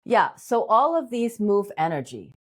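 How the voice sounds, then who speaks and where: A woman's voice: mid-range voice, sing-song, measured pace. A woman acupuncturist speaking as an interview guest and giving upbeat, encouraging advice. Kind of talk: interview talk.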